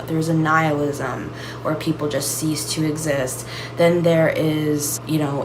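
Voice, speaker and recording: A woman hosting her own channel, musing aloud in a searching, reflective solo monologue full of restarts and "like"s. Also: on the low side. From United States. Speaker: channel host. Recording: audible background noise.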